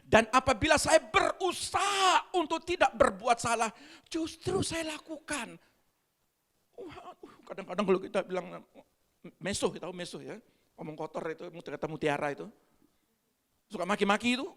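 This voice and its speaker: A woman preacher, giving an animated sermon and putting questions to the congregation. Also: fairly high pitch, normal speed.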